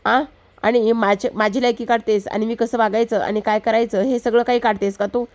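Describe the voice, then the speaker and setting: A woman's voice: fairly high pitch, level tone, normal speed, a little mellow, close to an everyday voice. A woman voicing an angry older woman of the household who scolds with contempt. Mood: scolding.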